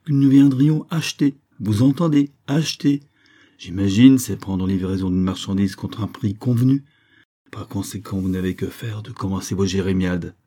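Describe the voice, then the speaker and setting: A man's voice: on the low side, normal speed, dark tone, close to an everyday voice. Man voicing a curt, unbending captain. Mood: firm. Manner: curt, firm, commanding. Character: firm army captain governor, calm and unbending. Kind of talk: audiobook character voice.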